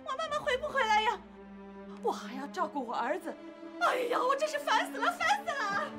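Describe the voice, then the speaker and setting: A very high, swooping voice belongs to a shrill young aunt who nags and shouts at her niece, as an actress plays her. The drama scene has loud music running under it. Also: wildly swooping pitch, brisk, exaggerated voice. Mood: complaining. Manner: sharp, nagging, shouting. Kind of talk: TV drama acting.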